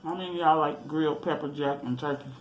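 A man's voice: on the high side, fast talker, soft background music. A man hosting a mukbang, chewing with his mouth full as he talks casually to his viewers. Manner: relaxed, talks straight to his audience. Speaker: mukbang host. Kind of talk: casual eating chat with viewers. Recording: roomy echo, faint background hum.

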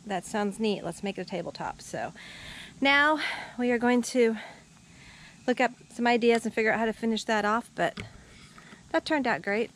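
A woman's voice: fairly high pitch, slight background noise. A middle-aged woman chatting casually through a home-renovation vlog, upbeat and rambling with ums. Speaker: family vlogger. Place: small lake house, indoors and in the yard. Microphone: handheld camera at arm's length.

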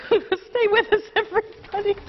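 Very high, giggly woman news anchor. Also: lo-fi sound. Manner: giggly, cracking up. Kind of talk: live news broadcast.

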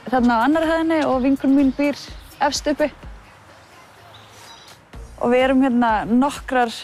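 Host, woman, higher voice, chatty poolside tour, light music under it. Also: darkish tone. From Iceland. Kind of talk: casual tour chat. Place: outdoor apartment courtyard by a pool.

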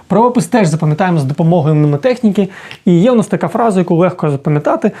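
A man teaching a casual video lesson as an English teacher, explaining slowly and often checking in with the listener. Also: sits high, animated, dark tone.

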